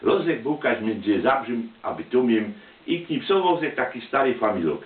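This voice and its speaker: A man's voice: medium pitch, very animated, normal speed. A man with a Silesian accent telling personal anecdotes in a chatty, colloquial dialect. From Silesia, Poland. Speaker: storyteller, amateur photographer. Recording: tinny, roomy, distant microphone.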